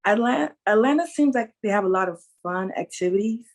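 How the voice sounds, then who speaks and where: A woman's voice: medium pitch, expressive, fairly quick, a little mellow. A woman from New York City chatting casually on a group video call, filling her speech with "like". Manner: chatty, lots of "like". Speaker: participant in a singles group call. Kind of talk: casual chat. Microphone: video call, audio only.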